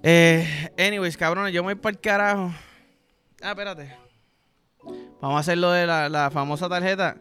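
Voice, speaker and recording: A man's voice: high voice, fairly even intonation, moderate pace, long pauses, sharp tone, soft background music. A young Puerto Rican man hosting a podcast, rambling through vulgar comic stories with sound effects and frequent swearing. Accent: Puerto Rican Spanish. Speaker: podcast host. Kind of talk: crude comedic monologue.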